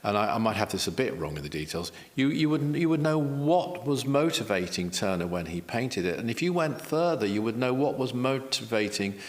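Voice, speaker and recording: Lively male spiritual teacher, mid-pitched, earnest and explanatory, echoey room. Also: a little fast, few pauses. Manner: earnest, repeats key phrases, self-deprecating asides. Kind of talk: explanatory interview talk.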